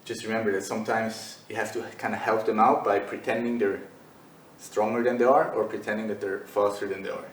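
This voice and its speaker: A man's voice: on the low side, flat delivery, brisk, roomy sound, distant mic, a little hiss or hum, poor audio. A man teaching jiu-jitsu in a loose, conversational way while demonstrating on the mat. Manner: loose and conversational, many fillers. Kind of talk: casual instructional demo.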